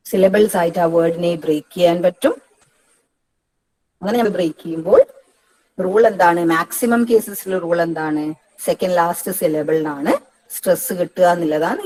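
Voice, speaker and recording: In this rough recording, an English tutor from Kerala, India, gives an exam-prep lecture on pronunciation in a blend of Malayalam and English. She has a Malayali accent and a fairly low, darkish voice, and she works through the material step by step, repeating the key words.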